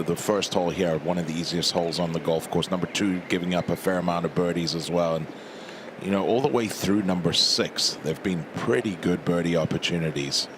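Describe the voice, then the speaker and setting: A man giving live golf commentary as an analyst, in measured, short clipped phrases. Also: low voice. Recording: outdoor broadcast with clear background noise.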